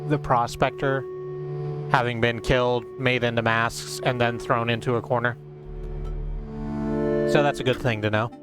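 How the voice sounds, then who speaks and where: A man's voice: medium pitch, fairly even intonation, normal speed, long pauses. A man giving casual video game commentary, thinking aloud in a rambling way as he plays. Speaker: game streamer. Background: music.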